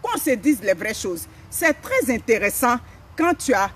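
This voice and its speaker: Out in a forest, a middle-aged African woman leads a motivational live stream, her fairly high, husky voice very animated yet a little slow. She stresses her points and repeats phrases, recorded on a phone camera a few steps away.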